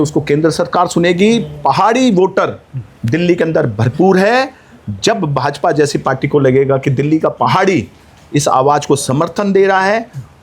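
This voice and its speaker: A man's voice: a little high, a little hiss or hum. A man speaking as an activist guest, making a rousing, rhetorical appeal that climbs to emphatic peaks. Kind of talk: impassioned interview speech.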